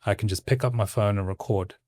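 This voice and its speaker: A man speaking as a guest in a casual interview, with a stoic, calm, monotone delivery. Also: lowish voice, no room sound. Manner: stoic, measured. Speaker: guest, content creator.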